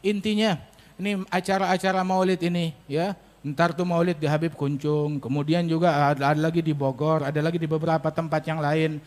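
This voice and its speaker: A male preacher, giving a sermon and telling stories with lively acted-out dialogue. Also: on the high side, a little fast. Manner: storytelling, acts out dialogue with rising emphasis. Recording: long hall reverb.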